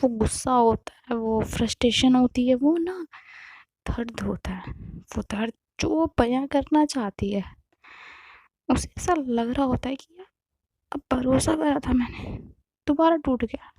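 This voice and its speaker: Breathy woman telling a story. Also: high voice, measured pace, mellow, no echo. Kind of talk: casual story narration.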